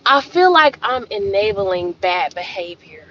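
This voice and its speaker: A woman's voice: mid-range voice, measured pace, highs cut off. A woman hosting a livestream, telling a story in a casual, sassy way and talking straight to her viewers. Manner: animated, sassy, addresses viewers as y'all. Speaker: livestream host.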